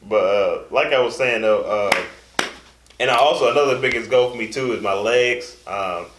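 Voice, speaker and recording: A man's voice: mid-range voice, normal speed, noisy background. A young man co-hosting a casual fitness chat, talking in a laid-back, loose way with trailing fillers. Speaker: co-host. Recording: echoey room.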